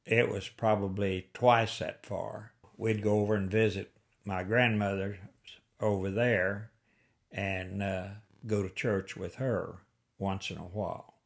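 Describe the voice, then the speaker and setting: An elderly man in his eighties from the rural Missouri Ozarks speaks in a lowish, creaky voice, slow and flat. In an oral history interview, he reminisces in a folksy, plain-spoken storytelling style with an Ozark Appalachian-style accent.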